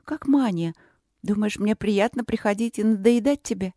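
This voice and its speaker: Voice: mid-range voice, moderate pace, dark tone, dry recording, clean studio sound, pitched above the performer's own voice, close to an everyday voice. A reader voicing a pushy, talkative young princess in an audiobook, eager and pleading. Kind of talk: audiobook character voice.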